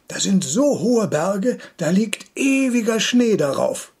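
A man's voice: high-pitched, sing-song, slow, darkish tone, slightly rough, heavily acted. A man voicing a pompous, impatient father who lectures and brushes off his son. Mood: lecturing impatient. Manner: condescending explanations, brusque orders.

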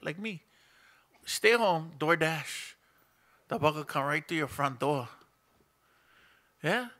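Delivering his sermon from a chair in a small church room, a middle-aged pastor with a Hawaiian Pidgin-tinged accent talks conversationally and quizzes the congregation, a stand mic set before him. His voice sits high, with vocal fry and a sharp tone.

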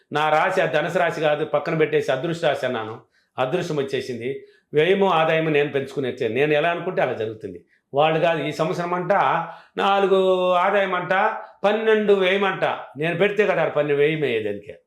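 This man's voice sits a little high and carries reverb. Fielding interview questions about the self-help affirmations he teaches, he sounds confident, emphatic and repetitive.

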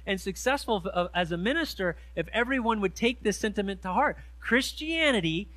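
A middle-aged man preaching a sermon in a church, reading scripture slowly and stressing key words with earnest emphasis. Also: high voice, animated, fairly bright tone, dry recording. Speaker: pastor. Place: church sanctuary. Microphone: handheld mic.

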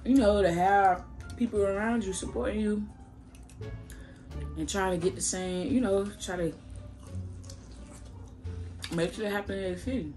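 A woman's voice: mid-range voice, fairly even intonation, a little slow, long pauses, a little mellow, soft background music. A young adult woman talking casually and slangily to viewers with food in her mouth, chewing while she talks. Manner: slangy, informal, addresses viewers as bro and y'all. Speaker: mukbang vlogger. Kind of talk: casual chat while eating. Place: small room at home, indoors.

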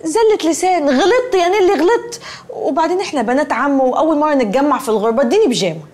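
A woman's voice: high voice, lively intonation, very fast, darkish tone. An actress playing a pushy, talkative young woman with an Egyptian accent who wheedles for favors, in a film comedy. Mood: wheedling.

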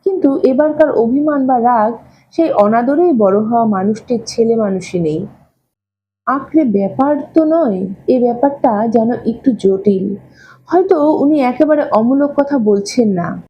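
A woman's voice: a little high, unhurried, muffled recording, a little hiss or hum. A woman reading a Bengali short story aloud, narrating and voicing a husband and wife in dialogue. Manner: voices the husband and wife dialogue with lively shifts. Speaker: story reader. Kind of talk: scripted audiobook narration.

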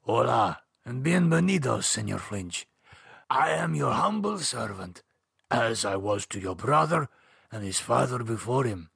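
A man voicing a croaky old lawyer, fawning and devoted. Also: medium pitch, animated, measured pace, a bit bright, no echo, studio quality, exaggerated voice.

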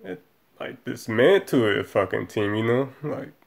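A man's voice: medium pitch, animated, unhurried, vocal fry. A man in his thirties giving a profane, rambling post-game rant as a football fan, filmed in a small room on a webcam. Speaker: sports fan vlogger.

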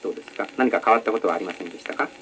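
A man teaching announcing technique in a measured, polite lecture style, on an old educational record. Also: lowish voice, a bit bright, poor audio. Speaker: announcing instructor. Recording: old record with faint noise.

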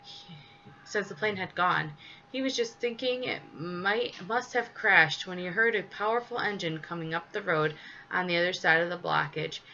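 Woman storybook reader, measured and expressive, slightly dull recording. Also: lowish voice. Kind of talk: reading a children's story aloud. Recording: slightly dull with faint hiss.

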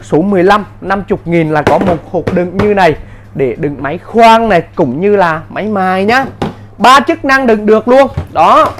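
A man giving an insistent hard-sell live sales pitch as a seller, in short, repetitive bursts. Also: expressive, normal speed, fairly bright tone, a little hiss or hum. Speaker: live-sale seller of power tools.

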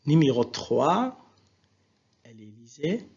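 Male French teacher, husky, slightly high voice, patient and unhurried; dull lo-fi recording. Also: big pitch swings, darkish tone. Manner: slow, patient teacher, drawing out and repeating example words. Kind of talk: classroom lesson explained in French and Arabic.

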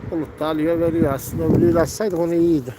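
Man, pigeon keeper, casual outdoor chat, slightly high voice, clear outdoor noise. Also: little pitch movement, rapid-fire. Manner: calls birds with repeated gel, gel and whistles, scolds loudly. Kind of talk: casual narration while tending pigeons.

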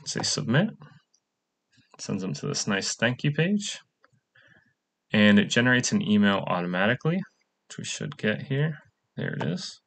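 In this screen-recorded project demo, a young bootcamp coding student walks casually through his web app, using plenty of "um" fillers in a plain walkthrough. His lowish voice is creaky and a bit bright, with huge pitch swings, a moderate pace and long pauses.

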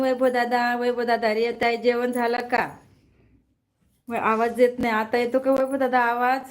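Checking that viewers can hear her, a woman streams casually from her phone, calling out viewers by name and reading their comments aloud. Her voice sits a little high, captured in a rough recording.

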